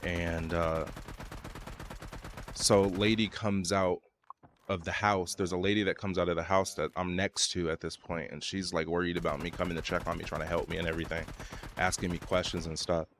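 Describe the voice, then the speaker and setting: A man with a low, deep voice tells a personal story in a relaxed, rambling way. He leans on fillers and restarts as he goes. Faint game noise sits quietly behind him. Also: moderate pace. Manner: loose, rambling, many fillers. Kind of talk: casual story time.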